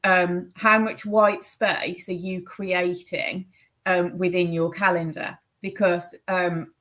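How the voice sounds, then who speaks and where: A woman's voice: lowish voice, little pitch movement, takes it slowly, a bit bright, rough recording. A woman hosting a podcast, talking earnestly and practically, giving advice. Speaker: podcast host. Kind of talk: casual conversational interview.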